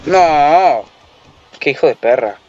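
A young man commenting on a wrestling video game, excitable and profane, yelling at the action. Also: on the high side, slow. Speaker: gameplay commentator. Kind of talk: casual gameplay commentary. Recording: lo-fi muffled recording.

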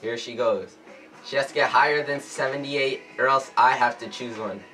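A teenage male host giving casual, excitable commentary in short exclamations during a gaming challenge video. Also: mid-range voice, moderate pace. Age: teens. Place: small indoor room with cloth backdrop. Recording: distant mic, music behind.

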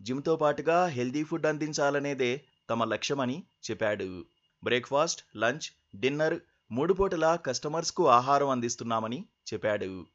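A man's voice: mid-range voice, expressive, moderate pace, fairly bright tone, lo-fi sound. A man narrating a scripted news feature as voice-over.

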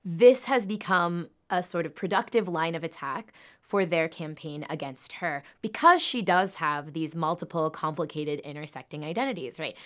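A woman's voice: lowish voice, a bit bright. A woman linguistics professor explaining speech and parody in an analytical way, with examples. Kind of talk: explanatory interview.

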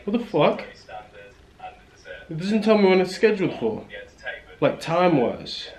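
A man's voice: sits high, big pitch swings, unhurried, a little mellow. Laid-back young man vlogging. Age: young adult. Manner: laid-back slangy rambling with repeated fillers. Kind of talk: casual vlog. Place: small hotel room, indoors. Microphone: handheld camera at arm's length.

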